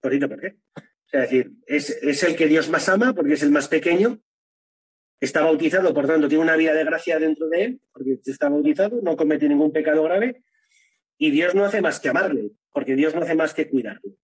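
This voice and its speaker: Husky-voiced man, earnest. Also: a little high, a little fast, poor audio. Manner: earnest, tags phrases with "¿no?". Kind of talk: interview, faith testimony.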